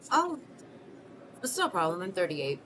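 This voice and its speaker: Her lowish voice is very animated and fairly bright, yet she speaks hesitantly, with ums and false starts. This thirtysomething actress from Mexico City plays a self-conscious, soft-spoken 38-year-old single mother answering unheard interview questions in a scripted short film, with noticeable hiss in the background.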